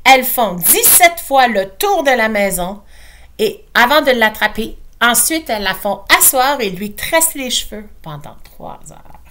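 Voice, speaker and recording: A woman's voice: on the high side, sing-song, measured pace, a bit bright. A woman teacher with a Quebec French accent, reading a picture book aloud expressively and drawing out repeated phrases.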